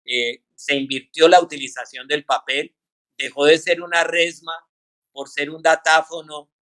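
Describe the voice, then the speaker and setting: A man from Colombia, a scientist answering interview questions in a measured, explanatory way with frequent pauses. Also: fairly high pitch, fairly bright tone. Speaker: guest scientist.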